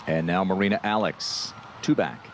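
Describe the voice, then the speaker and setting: A man's voice: deep voice, moderate pace, noisy background. A man anchoring live golf commentary as the lead announcer.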